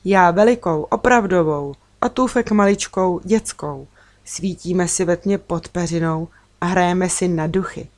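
Woman calmly reading a children's story. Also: fairly low pitch. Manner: calm, measured storytelling. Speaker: narrator. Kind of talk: children's book read aloud.

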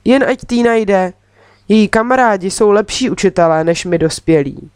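A woman's voice: medium pitch, a little mellow, smooth, no room sound, clean studio sound, lightly acted. A woman reading a father with a wry, reasoning way of talking in a children's story. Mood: decided. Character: dry-humored father on a ski trip.

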